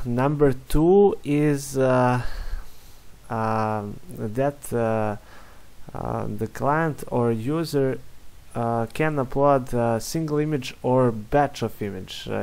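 A young Serbian software developer narrates a screen-recorded demo in halting, Serbian-accented English, full of fillers and restarts. His voice is mid-range with noticeable vocal fry.

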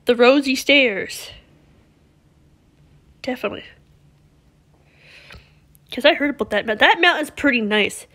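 Girl rambling over her game, high pitched and kinda sharp sounding. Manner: rambling, chatty, self-interrupting. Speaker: gameplay video host. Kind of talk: casual gameplay commentary.

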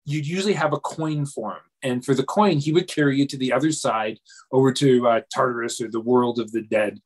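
Guy rambling thru a daydream story, lots of um and restarts, mid pitch. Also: fairly quick. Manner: hesitant, many restarts and fillers, self-deprecating. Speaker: dreamwork coach, guest. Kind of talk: casual storytelling in an interview.

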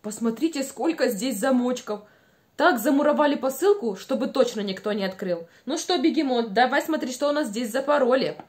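A young woman teaching small children speech exercises in a playful, encouraging, animated way, enunciating every word with exaggerated care. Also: sits high, brisk. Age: young adult. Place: small room at home by a window.

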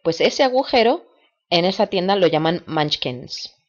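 Woman, low voice, patient language teacher, slow repetitions, dull lo-fi sound. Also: expressive. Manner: patient, repeats words slowly for imitation. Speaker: English teacher for parents. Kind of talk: video lesson, explaining and drilling words. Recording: dull lo-fi recording.

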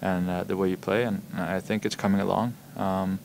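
At a press table before a logo backdrop, a young hockey player answers postgame questions in a very low, gravelly voice. He keeps hesitating, filling gaps with ums and doubled words, and his delivery stays flat with little rise or fall. A faint hiss sits under the table microphones.

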